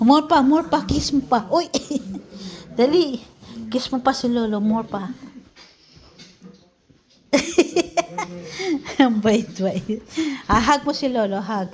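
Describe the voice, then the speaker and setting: A woman's voice: high voice, lively intonation, slow, long pauses. A woman filming a toddler at home, coaxing the child in a playful sing-song way. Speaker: family member filming a toddler. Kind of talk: casual home video.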